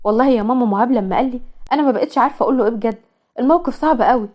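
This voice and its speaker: A chatty young woman, voiced by an Egyptian woman gushes in a high, fast voice, in a storybook drama. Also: darkish tone, close to an everyday voice. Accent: Egyptian Arabic. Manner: gushing, chatty.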